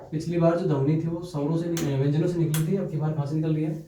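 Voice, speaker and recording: A man teaching a grammar lesson in a classroom style, quizzing his students and then answering his own questions. His voice is mellow and sits a little high for a man. It sounds roomy and set back from the mic. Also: fairly even intonation, fast talker, far from the mic, slight background noise. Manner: repeats questions to students and answers them himself. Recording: echoey room, voice from off the mic.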